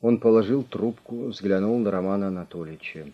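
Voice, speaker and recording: A man narrating an audiobook in an even, measured reading, on a slightly muffled recording. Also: fairly low pitch. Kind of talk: scripted narration.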